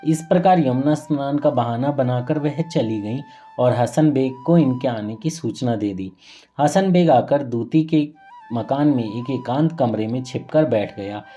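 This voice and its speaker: A man's voice: medium pitch, a little slow, warm tone, faint music behind. A man narrating a saint's life story in a reverent, earnest devotional storytelling manner, now and then correcting himself mid-phrase. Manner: earnest, reverent retelling with occasional self-corrections.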